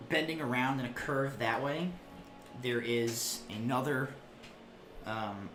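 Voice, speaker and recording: A man narrating a tabletop game as game master, haltingly, often searching for his words. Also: mid-range voice. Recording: echoey room, loud background music.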